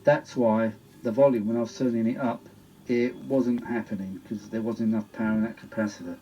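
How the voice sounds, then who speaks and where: A British repair vlogger specializing in vintage audio gives a chatty, rambling demo with exclamations, speaking fairly quickly in a steady, dark, mid-range voice. The recording is muffled and noisy, with clear background noise.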